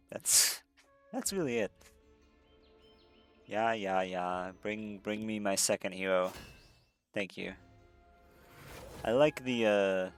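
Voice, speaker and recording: A let's-play commentator with a lowish, creaky voice casually talks about his gameplay. He wanders, corrects himself, restarts and leans heavily on fillers.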